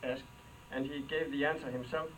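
A man's voice: mid-range voice, steady tone, moderate pace, a bit bright. An older man from Denmark with a Danish accent gives a humorous luncheon speech, telling stories in a dry, wry way with comic asides. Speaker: after-dinner speaker. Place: hall with a live audience. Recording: distant mic, clear background noise.

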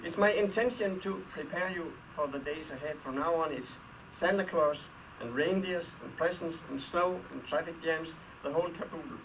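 A man's voice: on the high side, moderate pace, hardly any pauses. Older Danish man, dry comic speech. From Denmark. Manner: dry, wry storytelling with comic asides. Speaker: after-dinner speaker. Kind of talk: humorous luncheon speech. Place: hall with a live audience. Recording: distant mic, clear background noise.

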